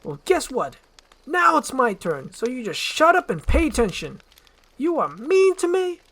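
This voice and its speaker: A woman performs an excitable talking donkey for a fairy tale roleplay. The voice jumps up high and swings around a lot, nagging and pleading with easily wounded loyalty. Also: full character voice. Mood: indignant. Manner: nagging, fast-mouthed, colloquial.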